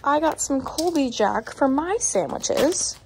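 Chatting slowly and expressively to her vlog camera at home, an American woman in her twenties has a high voice. The audio is poor, with noticeable room noise as the phone or camera is held at arm's length in her living room and kitchen.

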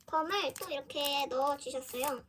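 A woman with a high, light voice talks casually through an unboxing at her desk at home. She gushes and lets out small soft exclamations as she shows each item. A faint hiss sits under the recording. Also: moderate pace. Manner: gushing, often exclaiming softly. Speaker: fan vlogger.

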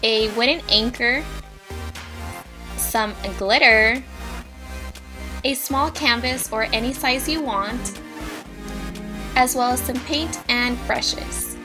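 A bubbly, upbeat young woman, a DIY vlogger, narrates a casual craft tutorial step by step from indoors in front of a brick wall, with music playing behind her. Her fairly high voice moves slowly, and she pauses often.

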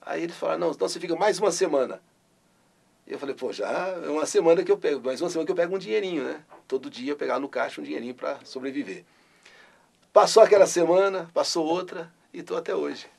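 An older man from Brazil, a radio host. His voice is gravelly and husky and sits a little high for a man. He tells his story with animated bursts. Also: fast talker. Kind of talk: interview recollection.

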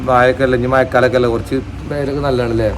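A man's voice: medium pitch, level tone, rapid-fire. A young man, chatting casually to camera for a family vlog and teasing his daughter with questions. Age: young adult. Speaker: vlogger father. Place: outdoors by a roadside. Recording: noisy outdoor ambience.

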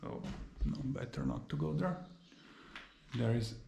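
Thirties male travel vlogger, non-native English, slow unhurried explainer, handheld camera, faint background noise. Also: mid-range voice, creaky. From former Yugoslavia. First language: Serbo-Croatian. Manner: explains calmly while exploring, slightly non-native phrasing. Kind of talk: casual walking tour commentary. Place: outdoors in a park, then inside an empty abandoned mansion. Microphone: action camera held at arm's length.

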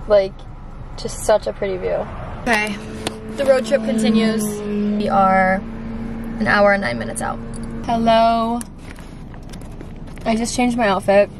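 A woman's voice: mid-range voice, takes it slowly, pauses often. A young woman in her twenties vlogging casually in an upbeat, chatty way, often saying "like" and "so cute". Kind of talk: casual vlog narration. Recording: handheld phone vlog with steady background noise.

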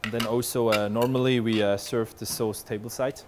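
A man's voice: medium pitch, normal speed, noisy background. Chef explaining a dish as he cooks. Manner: relaxed, explanatory, frequent "uh" fillers. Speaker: head chef. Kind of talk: explaining a dish while cooking. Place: large restaurant kitchen. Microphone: lapel.

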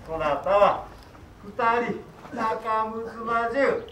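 A man's voice: high voice, takes it slowly, fairly bright tone. A man acting a pleased, formal village matchmaker in traditional Japanese kyogen comedy, with stately, declamatory archaic phrasing. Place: open wooden stage, recorded from the audience. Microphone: far camera. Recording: echoey stage, distant mic, faint noise.

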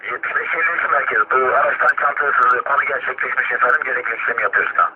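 A man's voice: mid-range voice, very fast. A man speaking over a police radio transmission, reading clipped call codes as an officer or dispatcher. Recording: tinny noisy radio channel. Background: radio static and clicks.

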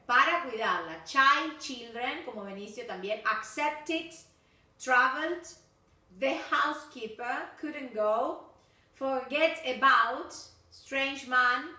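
A woman's voice: on the high side, bright, forceful tone. A woman English teacher with a Rioplatense Spanish accent, giving corrective feedback in a recorded video class and switching between Spanish and English. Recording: echoey room, voice from far off.

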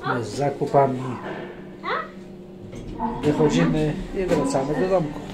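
Talking a little slowly in a slightly high voice, a man narrates a casual vlog of his family, shot on a handheld phone outside and in a mall. He is chatty and drops dry joking remarks, and the outdoor phone recording is noisy.

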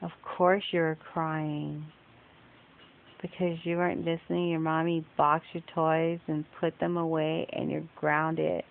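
On a tinny, hissy home phone video, a woman with a low, creaky voice questions a child firmly and patiently, again and again. Her delivery is flat and her pace measured.

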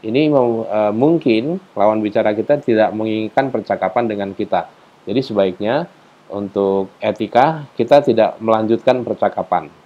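A man explaining English conversation phrases as a teacher, speaking slowly and carefully through each example. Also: medium pitch. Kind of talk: language lesson narration. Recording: dull lo-fi recording.

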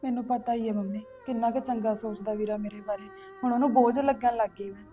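A woman's voice: a little high, steady tone, quick pace, mellow, soft background music, lightly acted. A woman playing a bitter, hurt young sister. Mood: resentful. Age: young adult. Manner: resentful, defiant, sulky.

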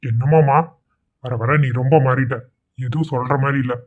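A man voicing a loving, easygoing young village husband in a cartoon, talking in a soft, coaxing way. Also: mid-range voice, fairly even intonation, normal speed, narrow, tinny audio, lightly acted.

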